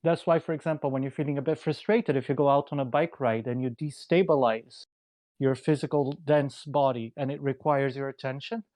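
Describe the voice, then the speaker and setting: A man on an online call, explaining ideas in a measured, lecturing way. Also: medium pitch, steady tone, a little mellow, dry recording. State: out of breath. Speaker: community member. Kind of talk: explanatory discussion. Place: remote call.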